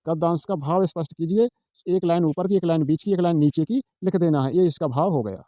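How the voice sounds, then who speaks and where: Male exam tutor, quick and repetitive, slightly high and mellow, talking through a page line by line. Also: no echo, clean studio sound. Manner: repetitive, asks and answers his own questions; walks through a page, pointing at lines. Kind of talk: informal exam-prep tutorial.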